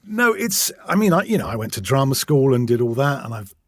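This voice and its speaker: Husky middle-aged English narrator. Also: male voice, mid-range voice, very animated, fairly quick. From England. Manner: chatty, self-deprecating, with frequent restarts. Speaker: audiobook narrator. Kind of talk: casual interview chat.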